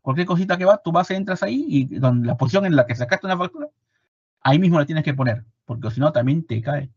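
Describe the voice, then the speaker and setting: A man with a Peruvian Spanish accent teaching an online class, animated and repeating his points with rhetorical questions. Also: on the high side, fast, breathy edge, dry recording, muffled recording. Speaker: instructor. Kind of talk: online lecture.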